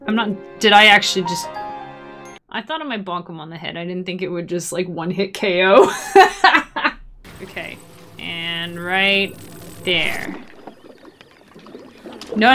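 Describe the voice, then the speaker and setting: A woman streaming a video game with casual, playful, excitable commentary to her chat, often exclaiming and giggling. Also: mid-range voice.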